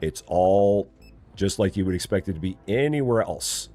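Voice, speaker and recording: A gaming streamer with a Midwest Illinois, General American accent chats casually while playing live, with faint music behind him. His low, warm voice has lively intonation and a moderate pace, and he teases playfully and repeats himself.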